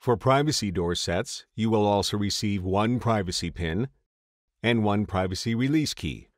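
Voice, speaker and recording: A man reading a scripted voice-over for a step-by-step installation tutorial, in a steady, measured way. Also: fairly low pitch, dry recording, studio quality. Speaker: tutorial narrator.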